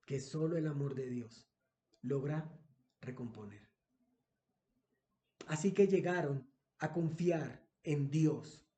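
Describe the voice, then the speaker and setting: A man's voice: fairly high pitch, warm tone, reverberant. A man preaching a sermon as pastor. He repeats phrases for emphasis and asks the congregation rhetorical questions.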